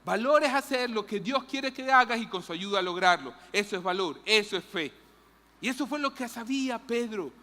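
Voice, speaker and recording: A woman preaching a lively sermon in a church, acting out Bible characters. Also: a little high, moderate pace, long reverb tail. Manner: animated, acts out Bible characters' lines, jokes with the audience. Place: church hall.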